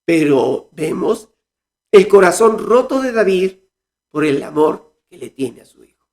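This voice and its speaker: A man's voice: sits high, very animated, unhurried, a little mellow. A man giving a home Sunday school Bible lesson, reading scripture aloud with expression.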